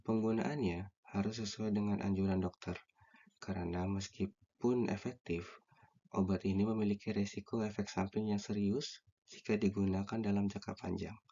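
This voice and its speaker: Young male student, low mellow voice, reads a class presentation point by point; dull lo-fi recording. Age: young adult. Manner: reads numbered points in a steady, listing way.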